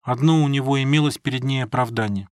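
A man narrating an audiobook in a steady, measured storytelling voice. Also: mid-range voice, no room sound, clean studio sound. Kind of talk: scripted narration.

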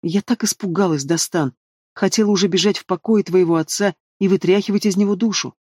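A man's voice: sits high, fairly quick, a little mellow, no echo, studio quality. A man voicing an anxious, loving dragon mother who speaks in a pleading, tremulous way.

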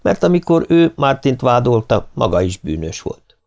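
A man narrating an audiobook with an expressive, dramatic reading. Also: medium pitch, lo-fi sound.

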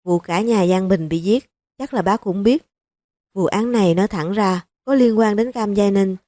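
A short-fused police chief who talks straight and curses when angered, as a woman narrator puts him on. The tone stays mellow and warm, recorded dry and close. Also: medium pitch, moderate pace, no echo, close to an everyday voice. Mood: firm. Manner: blunt, forceful, cursing. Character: hot-tempered male police chief, blunt.

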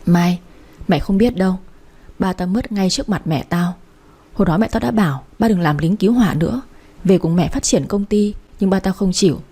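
A woman's voice: medium pitch, brisk, warm tone, breathy edge. A woman reading the part of a blunt, loyal young woman who talks to her friend frankly and teasingly. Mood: sorrowful. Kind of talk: audiobook character reading.

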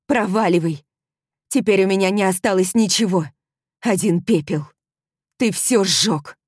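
A woman voicing a furious, heartbroken young heroine in an audiobook, shouting rawly. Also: medium pitch, measured pace, husky, no echo, studio quality, voice pushed up. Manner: shouting, raw and hysterical. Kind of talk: audiobook character reading.

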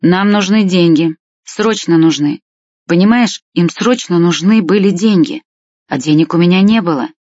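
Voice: mid-range voice, darkish tone, no room sound, lightly acted. A reader doing a grieving old village man. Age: 60s. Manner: slow, sighing, heavy with grief. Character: sad old village man, tearful, gentle. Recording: dull lo-fi dry recording.

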